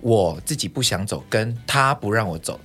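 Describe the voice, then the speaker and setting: A man's voice: fairly low pitch, lively intonation, moderate pace, fairly bright tone, breathy edge, soft background music. A man from Taiwan, a guest singer-songwriter on a chat podcast, who laughs often and drifts off topic.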